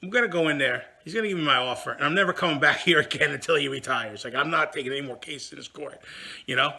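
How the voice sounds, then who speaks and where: Gravelly, bright-voiced man telling a story. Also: a little high, fast talker. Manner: animated and indignant, with many restarts. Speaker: head of a law practice. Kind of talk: casual storytelling monologue.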